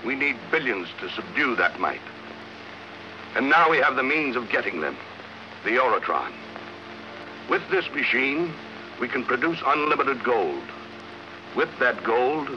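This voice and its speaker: A man's voice: mid-range voice, animated, moderate pace, pauses often, close to an everyday voice. Man as a cold spy chief, noisy old recording. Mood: cold, commanding. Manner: formal, speech-making. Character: cold, commanding Nazi spy chief plotting conquest. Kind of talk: 1940s movie serial acting. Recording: noisy, muffled old film soundtrack.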